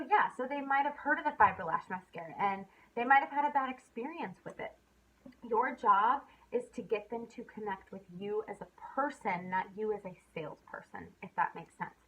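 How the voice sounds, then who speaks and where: A woman's voice: fairly high pitch, slight background noise. A young woman giving a casual sales training talk, chatty and full of fillers, sometimes acting out upbeat messages. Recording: dull lo-fi recording.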